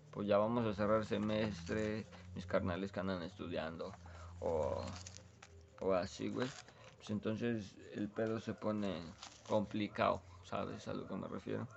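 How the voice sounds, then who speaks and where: A man's voice: lowish voice, gravelly, highs cut off, slight background noise. A young man with a Mexican accent, rambling laid-back and full of slang in a casual chat from his bedroom. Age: young adult. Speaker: vlogger.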